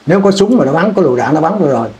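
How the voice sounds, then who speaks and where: The speaker is a Vietnamese man recounting his war years in an oral history interview. His fairly high, slightly mellow voice is expressive and rapid-fire, and he rambles, repeating words as he begins sentences again.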